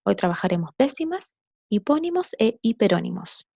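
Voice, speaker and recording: A woman's voice: mid-range voice, big pitch swings, normal speed, gravelly, warm tone, no echo. A woman teacher giving a patient, explanatory recorded lesson to children, often checking in with her listeners.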